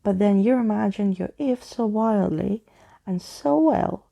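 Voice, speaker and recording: A pompous old skeleton from a children's storybook, played by a woman. He speaks in grand, wordy flourishes with a theatrical air. The voice is mellow and gravelly at the edges. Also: medium pitch, a little slow. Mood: grand, explaining. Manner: grandiose, alliterative, theatrical speech.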